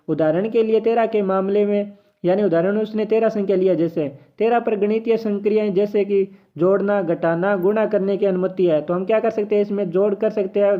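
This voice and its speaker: Fast-talking man teaching on tinny audio. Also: high voice. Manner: chatty, encouraging, thinks aloud while solving. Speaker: exam coaching teacher. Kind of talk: casual tutorial lesson.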